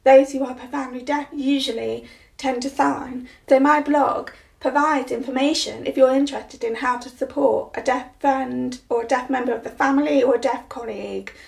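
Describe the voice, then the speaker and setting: A woman in her forties, a blogger giving a clear, deliberate scripted presentation with practical tips. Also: high-pitched. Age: 40s.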